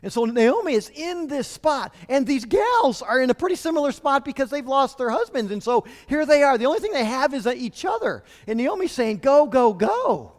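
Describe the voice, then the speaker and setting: A man's voice: extremely high pitch, sing-song, brisk, hardly any pauses, big-room sound. A man preaching a sermon as pastor, in a conversational way with rhetorical questions.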